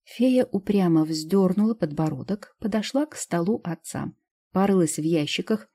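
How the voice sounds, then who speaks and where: A woman reading first-person narration from an audiobook in an even, measured way. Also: lowish voice, husky.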